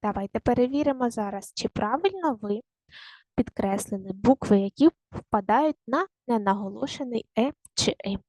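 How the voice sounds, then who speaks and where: A woman teaching a primary school language lesson online, speaking slowly and carefully and repeating words to show their stress. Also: a little high, expressive, darkish tone, dry recording.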